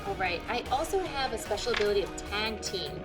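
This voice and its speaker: A woman's voice: medium pitch, lively intonation, fast talker, music in the background. A woman playing a tabletop game, talking casually and playfully. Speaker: player. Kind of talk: casual chat.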